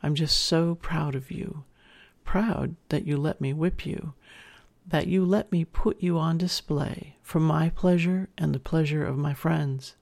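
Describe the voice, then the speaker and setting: An intimate narrator of erotic audio with a mid-range voice and plenty of gravelly fry. The delivery is measured and addressed straight to the listener, in the role of a dominant partner. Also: medium pitch, a little mellow.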